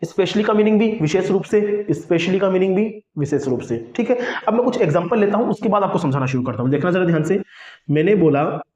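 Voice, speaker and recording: Hindi accented guy teaching english, kinda high voice, asks then answers himself, echoey dull audio. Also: animated, a little fast, a little mellow. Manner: repeats questions and answers them himself. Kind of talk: classroom lesson. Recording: echoey, dull lo-fi room sound.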